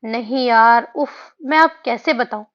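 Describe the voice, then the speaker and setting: A woman's voice: on the high side, a little slow, close to an everyday voice. A woman voicing a flustered, anxious young woman in an audiobook. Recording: dull lo-fi audio.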